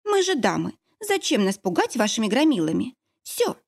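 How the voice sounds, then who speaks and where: A woman reading an audiobook, voicing a heroine who fakes a squeaky, sugary young woman's voice and chatters sweetly. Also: wildly swooping pitch, moderate pace, exaggerated voice. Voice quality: squeaky, syrupy. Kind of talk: audiobook character voice.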